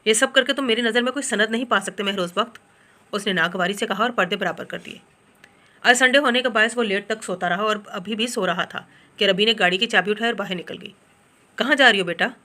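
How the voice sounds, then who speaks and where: A woman's voice: mid-range voice, a little fast, pushed and bright. A woman reading a romance novel aloud as an audiobook narrator.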